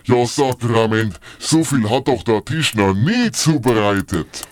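A man's voice: mid-range voice, animated, unhurried, no room sound, natural voice. A man voicing a jovial, folksy, beer-loving Santa Claus in a comic radio play.

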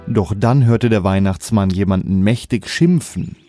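A man narrating a comic fairy tale in calm scripted storytelling. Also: fairly low pitch, measured pace, faint music behind.

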